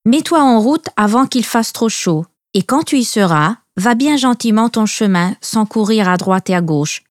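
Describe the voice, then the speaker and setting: A woman voicing a caring mother in a storybook reading, giving gentle, careful instructions. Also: on the high side, lively intonation, normal speed, dry recording, clean studio sound, lightly acted. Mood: instructing.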